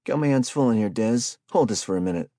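A man's voice: fairly low pitch, expressive, fast, no echo, clean studio sound, voice pushed up. A man voicing a menacing adult street hustler who bullies and robs, in swaggering slangy speech, for a spoken story. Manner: swaggering slangy street talk, pushy and loud.

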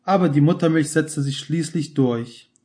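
A man narrating a short story in a calm, measured reading. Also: on the high side. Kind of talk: scripted audiobook narration.

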